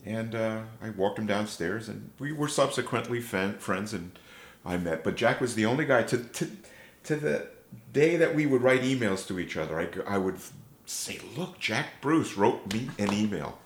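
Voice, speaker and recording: A man, an interview guest and bass player, telling rambling, emotional anecdotes. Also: lively intonation, moderate pace. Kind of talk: storytelling interview. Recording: echoey room.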